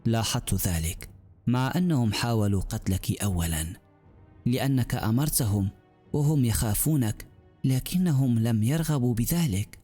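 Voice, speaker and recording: A man's voice: mid-range voice, lively intonation, normal speed, warm tone, slightly rough, soft background music. A man voicing a cold, bitter male demon lord who speaks with mocking weariness.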